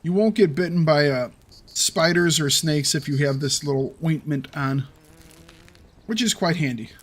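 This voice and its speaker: A man's voice: fairly high pitch, moderate pace. A young adult man giving playful let's play commentary, taunting the animals in his game. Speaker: gaming video host.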